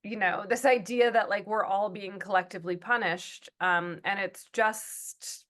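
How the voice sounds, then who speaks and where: A woman's voice: medium pitch, fairly even intonation, a little slow, a bit bright. A woman TV writer talking through her work in an interview, thoughtful, with fillers and restarts. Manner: thoughtful, many fillers and restarts, acts out quotes. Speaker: TV writer and producer, guest. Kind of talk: conversational interview.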